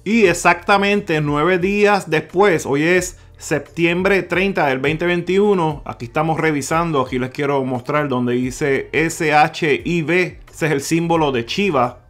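A man hosting a crypto video, talking viewers through numbers on screen, calling them "mi gente" and repeating figures slowly. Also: on the high side, soft background music. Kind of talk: screen-share explainer talk. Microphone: voice-over on screen recording.

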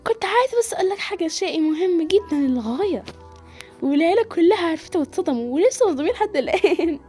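A woman plays a scheming young Egyptian woman, quick and very high-pitched, taunting with lively swings. Soft music sits behind her.

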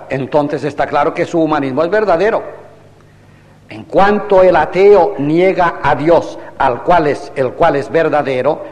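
An older man lectures a class as a priest, firing rhetorical questions at his listeners and voicing both sides of imagined exchanges. His voice sits a little high for a man. The sound rings with the long reverb of a large hall. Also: darkish tone. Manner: rhetorical, questions the audience, acts out quoted exchanges. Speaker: priest lecturing a theology course.

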